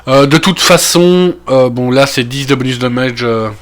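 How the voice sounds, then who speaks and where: A Belgian man with a Belgian French accent and a mid-range voice talks at normal speed while he plays a video game, making casual commentary for his gaming videos. He's still getting over a cold and thinks aloud, full of fillers and trailing asides.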